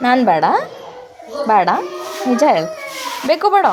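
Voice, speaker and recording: A woman's voice: on the high side, big pitch swings, unhurried, very noisy. A woman teacher with a North Karnataka Kannada accent, teasing children in a classroom with playful mock-scolding. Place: school classroom.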